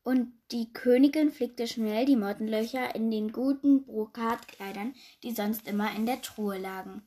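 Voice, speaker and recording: A woman reading a children's story aloud in a lively, expressive way. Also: a little high, a little slow.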